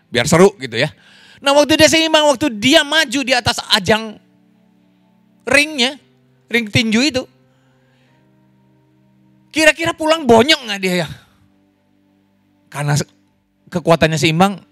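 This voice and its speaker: A man preaching a lively sermon as pastor, in an online church service, joking and laughing with the congregation. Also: unhurried, pauses often, no echo, soft background music. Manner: animated, wide pitch swings, jokes and laughs.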